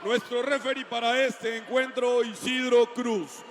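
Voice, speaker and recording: A man announcing fighters in Spanish in a booming, drawn-out, formal lucha libre ring announcer style. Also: steady tone, big-room sound, a faint crowd. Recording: faint noise, live arena announcement.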